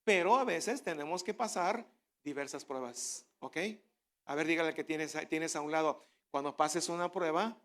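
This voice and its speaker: A middle-aged man preaching a sermon, talking conversationally with many rhetorical questions, then building to loud, fervent declarations. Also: fairly high pitch, moderate pace. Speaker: pastor.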